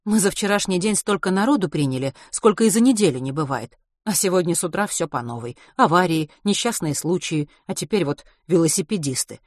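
A weary, opinionated ambulance medic, as a woman narrator puts her on. She grumbles loudly and insists she is right. Lowish, dry audiobook voice. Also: animated, a little fast, dry recording. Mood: grumbling.

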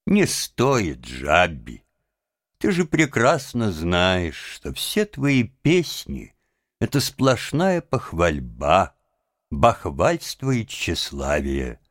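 A man's voice: deep voice, wildly swooping pitch, extremely slow, no room sound, studio quality, full character voice. Man voicing a firm, kindly rat. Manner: firm but gentle, reasoning. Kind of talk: audiobook character voice.

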